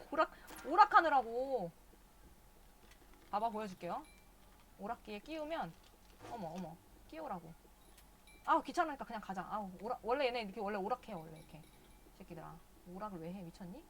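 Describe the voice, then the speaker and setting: A woman's voice: mid-range voice, a bit bright, a little hiss or hum. A woman streaming a video game live, chatting casually and cursing at the characters in exasperation.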